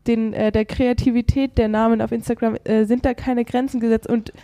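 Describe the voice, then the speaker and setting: A woman's voice: fairly high pitch, flat delivery, brisk, dark tone, no room sound, clean studio sound. Woman with a stuffy nose, chatting casually. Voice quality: congested, stuffy-nosed voice. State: has a head cold. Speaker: guest editor on a podcast. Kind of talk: casual podcast chat.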